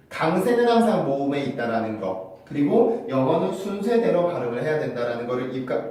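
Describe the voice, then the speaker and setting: A man teaching English pronunciation in an online lesson, repeating model words slowly in drills. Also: on the high side, very echoey, far from the mic, low-quality recording. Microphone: lavalier or shotgun mic on phone camera.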